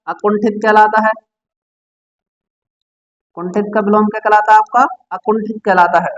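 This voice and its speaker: A man's voice: high-pitched, little pitch movement, moderate pace. A man teaching a Hindi vocabulary lesson for exam prep, keeps quizzing the listener with repeated questions and answering them himself. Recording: dull lo-fi sound.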